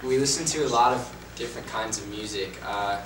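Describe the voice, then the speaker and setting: A man's voice: on the low side, fairly quick. A man, a musician, chatting casually and jokingly in an interview. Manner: laid-back, joking, slips into playful put-on accents. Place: studio. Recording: echoey room, mic at a distance, background noise.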